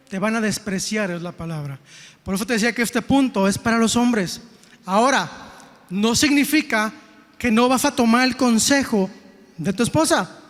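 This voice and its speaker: A man's voice: very high-pitched, fairly bright tone. A Mexican man preaching a sermon in an event hall, folksy and emphatic, often putting questions to his listeners. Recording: long reverb in an event hall.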